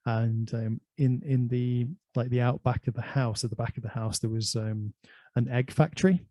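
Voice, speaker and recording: A man's voice: medium pitch, fairly even intonation, normal speed, dark tone, no echo. An Irish man hosting a casual conversation, chatty and anecdotal, telling stories from his life. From Ireland. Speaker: host.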